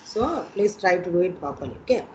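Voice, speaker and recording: A woman's voice: on the low side, animated, brisk. Indian woman lecturer on a dull, lo-fi call. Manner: repetitive, instructive, checking in with students. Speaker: engineering lecturer. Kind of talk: online exam coaching lesson. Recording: dull lo-fi online call with noise.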